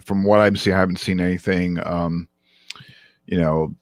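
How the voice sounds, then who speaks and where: A man co-hosting a casual tech news podcast, halting with many ums and restarts as he goes through the week's stories. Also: deep voice, fairly even intonation. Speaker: podcast co-host.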